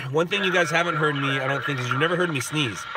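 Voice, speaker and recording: A middle-aged man with a somewhat high voice talks a little fast while hosting a live stream from behind the wheel. He is stuffed up and sniffling, rambling casually as he reads and answers viewer chat out loud, and the audio is very noisy.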